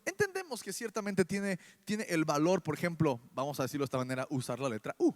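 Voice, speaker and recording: Man, Mexican Spanish accent, church sermon, animated, rhetorical questions, high and lively pitch. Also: fast. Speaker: preacher.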